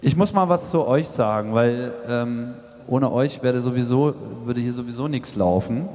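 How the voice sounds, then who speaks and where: A man's voice: medium pitch, animated, normal speed, dark tone. A man casually moderating a talk as host on stage. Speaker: panel host. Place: large reverberant hall, on stage. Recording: echoey hall, live stage PA.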